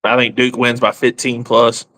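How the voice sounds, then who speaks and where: Bright-voiced man in sports banter. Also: mid-range voice, little pitch movement, moderate pace. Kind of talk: casual sports talk.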